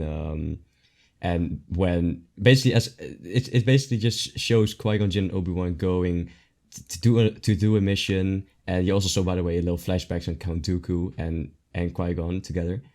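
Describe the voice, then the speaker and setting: A young man talks eagerly on a podcast, stumbling over his words. His voice sits very low. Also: steady tone, normal speed, a little mellow. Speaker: podcast co-host. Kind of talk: casual chat.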